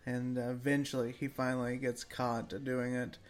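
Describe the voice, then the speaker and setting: A man's voice: mid-range voice, monotone, moderate pace. A man co-hosting a casual podcast, answering with dry, sarcastic quips. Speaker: podcast co-host. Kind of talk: casual chat.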